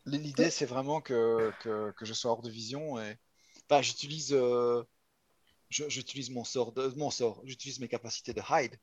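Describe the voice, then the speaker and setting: A man's voice: medium pitch, steady tone, moderate pace, muffled recording. A man chatting casually as a player in a tabletop game, colloquial and blunt.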